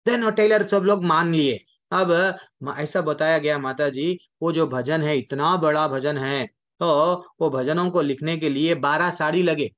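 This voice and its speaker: Sex: male. Role: devotional storyteller. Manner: rhetorical questions, repetition, direct address. Pitch: fairly high. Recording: dull, lo-fi. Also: unhurried, a bit bright. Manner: asks rhetorical questions and answers them, repeats words.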